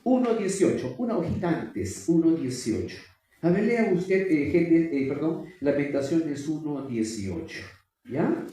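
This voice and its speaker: A man's voice: a little high, sing-song, unhurried, mellow. A man preaching a sermon, often questioning and exhorting the congregation. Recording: very echoey hall, distant mic.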